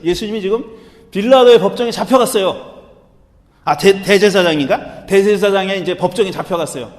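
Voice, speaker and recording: A high-pitched male pastor preaches in a church, telling his story in an animated, conversational way and acting out the quotes along the way. A long hall reverb trails each phrase. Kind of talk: sermon. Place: church sanctuary.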